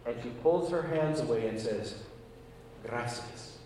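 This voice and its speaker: A man's voice: mid-range voice, lively intonation, normal speed, warm tone, a little hiss or hum. A man, a pastor, preaching a sermon and telling a story in an earnest way, acting out the conversation with emphatic rises. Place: large church. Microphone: handheld mic. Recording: echoey church hall, distant mic.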